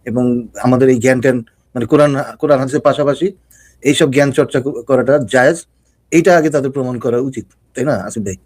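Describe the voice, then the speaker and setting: A man's voice: mid-range voice, brisk, a little mellow, no room sound. A man joining a live stream as a guest, chatting casually and colloquially with frequent laughter. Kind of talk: casual chat.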